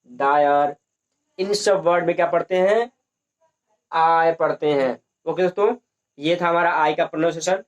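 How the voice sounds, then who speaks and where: A man teaches English pronunciation, pitched a little high. He keeps repeating his points and answers his own questions. The recording sounds dull and lo-fi.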